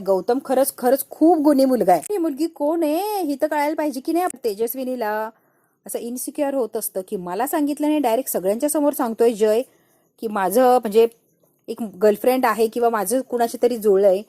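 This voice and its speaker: A woman's voice: high voice, darkish tone, no room sound, studio quality. A woman casually retelling a TV serial episode, briefly voicing each character's lines as she goes. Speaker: narrator recapping a TV serial. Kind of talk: casual storytelling recap.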